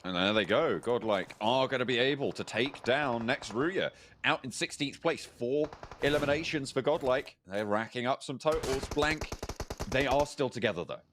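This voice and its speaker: A man's voice: mid-range voice, moderate pace, noisy background. A man gives color commentary on a live esports match in a mid-range voice. He muses and circles back on his words while reacting to the action. Faint game gunfire rattles behind him. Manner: animated, musing, repeats words as he thinks.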